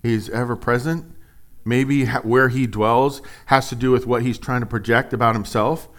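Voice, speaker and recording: A man's voice: mid-range voice, fairly even intonation, moderate pace, fairly bright tone. A man preaching a conversational sermon as pastor, joking and asking lots of rhetorical questions.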